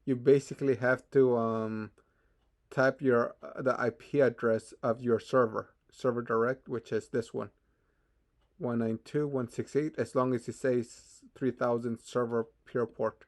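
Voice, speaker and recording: Without a script, a mid-pitched man presents a software screen tutorial one step at a time. His delivery halts and hesitates, full of repeated words and stammered starts.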